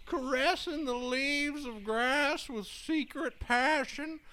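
An actor playing a very old, frail hermit who wails grandly and at length in flowery, theatrical comic audio drama style. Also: male voice, extremely high pitch, pushed and bright, heavily acted. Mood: melodramatic lament. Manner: grandiloquent, wailing, drawn-out complaints in flowery speech. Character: very old, frail, melodramatic male woodland hermit.

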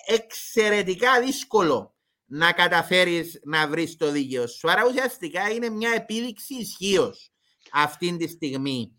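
Bright, forceful Cypriot Greek male commentator. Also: sits high, big pitch swings. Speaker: expert interview guest. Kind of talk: explanatory interview commentary.

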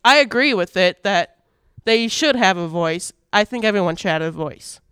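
A man's voice: high-pitched, animated, moderate pace, bright, forceful tone, smooth, no echo. A teenage boy co-hosting a school morning radio show, reading announcements in an upbeat way with playful asides. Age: teens. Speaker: student radio co-host.

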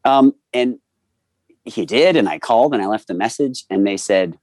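A man in his forties, a voice actor telling animated anecdotes in a casual interview and acting out the people he quotes. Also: fairly low pitch, moderate pace, dry recording. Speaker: voice actor guest.

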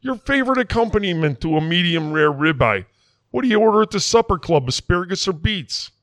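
Guy doing a rambling quack doc, folksy and sure of himself, fairly high voice. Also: expressive, fairly quick, fairly bright tone, no echo. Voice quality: folksy, rambling, self-assured. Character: folksy small-town Wisconsin "doctor", middle-aged man. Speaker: comic character in a mock interview.

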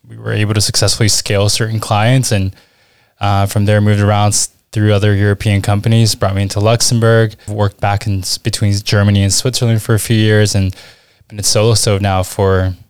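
A man's voice: lowish voice, brisk, clean tone, dry recording. A man in his thirties with an American accent, a guest chatting casually in an interview with many ums. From Washington, D.C. area, USA. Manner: relaxed, chatty, frequent ums and uhs. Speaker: guest, e-commerce manager.

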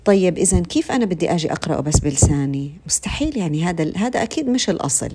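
A woman's voice: fairly low pitch, lively intonation, rapid-fire, mellow, husky. A woman with a Levantine Arabic accent giving an informal religious talk, speaking to her listeners directly with many fillers and restarts.

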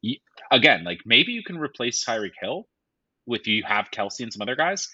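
A man co-hosting a sports podcast, talking in a profane, jokey, animated way. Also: medium pitch, moderate pace, no room sound, dull audio. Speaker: podcast co-host. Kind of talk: casual sports chat.

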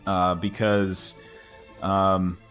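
A man's voice: low voice, flat delivery, extremely slow, a bit bright, soft background music. A man co-hosting a casual TV podcast, explaining his theories with many hesitant ums. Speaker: podcast co-host. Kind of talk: casual chat.

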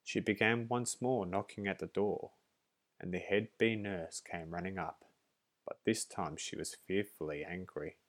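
A man reads a storybook aloud in a very deep, low voice. His delivery is steady and measured, as a narrator.

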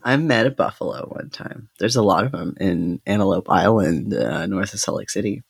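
A man with a gravelly edge to his voice chats loosely on a podcast, cracking jokes and swearing freely. His voice sits at an ordinary pitch and sounds close and dry, with no room around it. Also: animated, normal speed, no room sound. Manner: jokey and laughing, swears freely. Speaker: podcast co-host. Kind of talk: casual chat.

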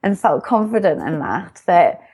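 This young British success coach sounds husky and a little mellow, her lowish voice swinging widely in pitch at a slightly slow pace. As an interview guest in a casual chat, she's bubbly and upbeat while reflecting on herself.

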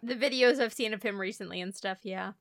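A woman's voice: mid-range voice, brisk, no echo, studio quality. A young woman co-hosting a casual movie recap podcast, emphatic and jokey, often laughing into her lines. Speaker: podcast co-host.

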